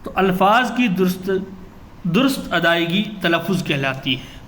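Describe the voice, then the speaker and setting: High-voiced man teaching in an echoey room. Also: expressive, a bit bright. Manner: explanatory, asks and answers own questions. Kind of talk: exam-prep lecture. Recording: echoey room with faint ambient noise.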